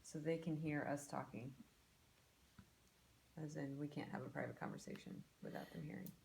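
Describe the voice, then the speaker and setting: A woman's voice: deep voice, big pitch swings, normal speed, gravelly, a little mellow, low-quality recording. A woman chatting casually as a player in a tabletop fantasy game. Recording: faint background noise.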